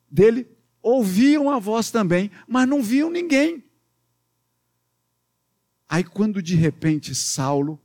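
A pastor with a Minas Gerais accent telling a Bible story to children, animated and playful, with sound effects and questions to the kids. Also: male voice, sits high.

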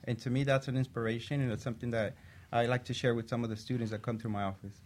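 This man talks fast in a mid-range voice. He's a physician assistant on a talk show, relating a personal story with steady earnestness.

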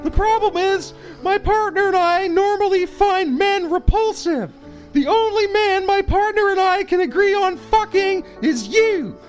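A man voicing a bold Canadian woman reading her letter, in a loud, drawn-out high falsetto. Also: highs cut off, soft background music, heavily acted. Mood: brazen.

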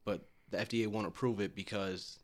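A man co-hosting a casual group chat, loud and profane, laughing and repeating himself. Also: fairly low pitch, steady tone, fairly quick. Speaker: podcast co-host.

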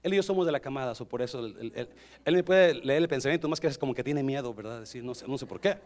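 A male pastor preaching an animated, joking sermon and addressing the congregation directly. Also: mid-range voice, fast.

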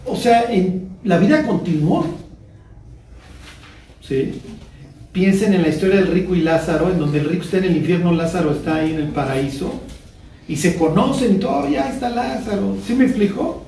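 A man's voice: high-pitched, lively intonation, normal speed, long pauses, mellow. Mexican man teaching a Bible class, roomy sound. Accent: Mexican Spanish. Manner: conversational, checks understanding with rhetorical questions; colloquial and joking. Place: room with a small group. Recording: roomy, distant mic with faint noise.

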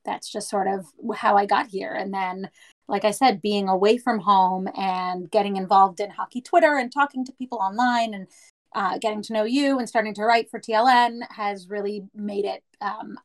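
A woman's voice: mid-range voice, steady tone, moderate pace, low-quality recording. A woman in her thirties from Canada, chatting casually and telling stories with small restarts. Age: 30s. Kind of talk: casual chat.

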